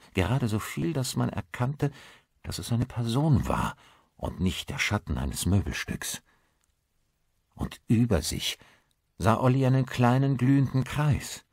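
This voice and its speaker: A male narrator reading a horror audiobook in a slow, suspenseful way. His low, husky voice rises and falls a lot for drama. The recording is close and dry. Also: dry recording. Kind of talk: scripted narration.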